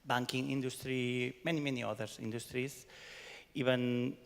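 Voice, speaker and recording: A conference speaker from Barcelona, Spain, with a Catalan-accented Spanish accent, gives a chatty talk in a conference hall summarizing a workshop, often ending sentences with "no?". His voice is medium-pitched, gravelly, fairly flat, at normal speed, with long hall reverb.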